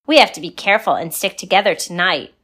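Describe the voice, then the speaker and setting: A woman voicing an anxious young farm girl who loudly warns her friends. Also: lowish voice, fast talker, husky. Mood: worried.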